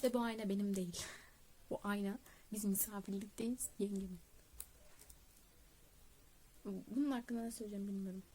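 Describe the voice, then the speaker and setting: A woman's voice: medium pitch, steady tone, brisk, pauses often, warm tone, a little hiss or hum. A young woman vlogging casually at a relative's home, telling a school story, laughing often and swearing offhandedly.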